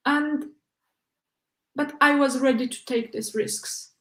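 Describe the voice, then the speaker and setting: Her high voice stays fairly even in intonation, a bit bright, with a roomy sound around it. She's a young Uzbek PhD researcher guesting in a casual English interview, not her native language, speaking haltingly with many "like" and "uh" fillers and restarts.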